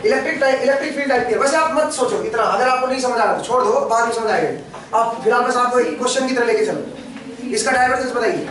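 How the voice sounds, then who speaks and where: A male engineering lecturer with a high voice, working through a problem and pressing his students with questions. He is picked up from across a large room, and the classroom echoes heavily around him. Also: fast talker, far from the mic, crowd noise. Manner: questioning, prompts students constantly. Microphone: camera far from the speaker.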